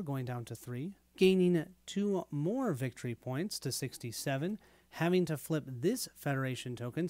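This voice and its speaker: A man with a hoarse, tired late-night voice hosting a casual walkthrough of a tabletop game. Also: fairly high pitch, warm tone, dry recording. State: hoarse, lost his voice. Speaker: host of a board game playthrough.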